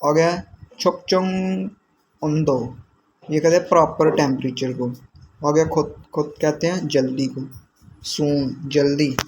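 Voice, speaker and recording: Man teaching vocabulary slowly, slightly high voice. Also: fairly even intonation, darkish tone, a little hiss or hum, poor audio. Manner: slow, repeats and glosses each word. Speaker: language teacher. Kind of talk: explaining vocabulary to learners.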